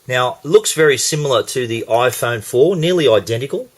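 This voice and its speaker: A man's voice: medium pitch, expressive, moderate pace. Chatty Australian tech reviewer man. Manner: chatty, explains as he goes, some restarts. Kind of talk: casual product demo.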